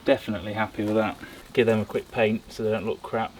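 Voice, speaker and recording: Very deep-voiced woman chatting. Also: little pitch movement, quick pace, darkish tone, a little hiss or hum, rough recording. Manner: chatty, cheerful, mild swearing. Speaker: vlogger building a camper van. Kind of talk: casual vlog chat.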